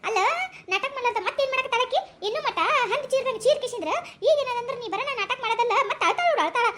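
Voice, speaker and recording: A woman voicing a sharp-tongued, stubborn old grandmother with a North Karnataka accent, scolding in coarse village speech in a comic sketch. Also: very high-pitched, racing. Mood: abusive. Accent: North Karnataka Kannada.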